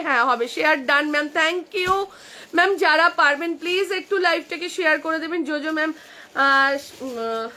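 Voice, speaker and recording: Kolkata Bengali shop seller, woman, live-stream pitch, very high and sharp, phone-mic sound. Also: a little hiss or hum. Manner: chatty, addresses viewers directly, counts off sizes. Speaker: online clothing seller. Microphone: phone camera.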